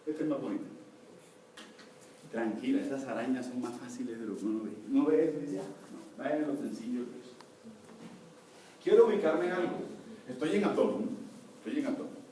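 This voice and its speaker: Guy teaching anatomy class, mellow voice, heard from across a big echoey room. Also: medium pitch, animated, fast talker, pauses often. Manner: explains step by step, asks the class to confirm. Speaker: anatomy lecturer. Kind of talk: university lecture. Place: lecture hall. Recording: echoey hall from far off, faint noise.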